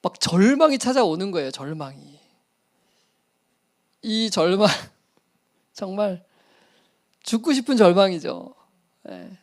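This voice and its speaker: A man's voice: high-pitched, sing-song, slow, long pauses. A middle-aged male pastor telling a personal story in a sermon, acting out the voices and laughing at himself.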